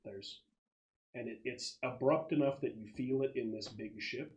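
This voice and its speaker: A man with a medium-pitched, slightly mellow voice serves as game master, narrating a tabletop roleplaying game in a halting, conversational manner.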